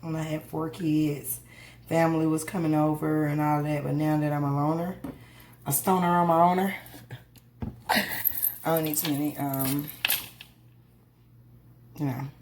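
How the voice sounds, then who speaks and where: A middle-aged woman with a smoker's rasp, chatting casually to viewers while busy in her kitchen. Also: sits low, darkish tone. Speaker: vlogger. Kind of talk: casual chatty cook-with-me vlog. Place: indoor home kitchen. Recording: noisy kitchen with clattering and clicks.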